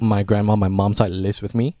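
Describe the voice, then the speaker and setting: A man's voice: on the low side, little pitch movement, fast talker, warm tone, no room sound, clean studio sound. A man, hosting a casual podcast chat and rambling with lots of "like" and some swearing. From Singapore. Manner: rambling, swears freely, frequent "like". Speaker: podcast host.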